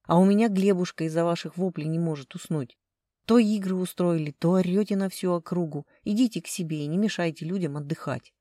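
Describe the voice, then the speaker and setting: A woman's voice: on the low side, fairly quick, mellow, no room sound, lightly acted. A woman voicing a cranky, bossy middle-aged woman who grumbles and then screeches, in a dry recording. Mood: grumpy.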